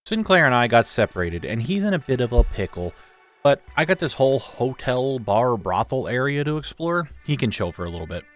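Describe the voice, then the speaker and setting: A young man narrates his gameplay in an informal, joking way. His voice sits at an average male pitch, with faint music underneath. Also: big pitch swings, fairly quick. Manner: informal, joking, occasional swearing. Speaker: gaming video creator. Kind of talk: casual scripted gameplay recap narration.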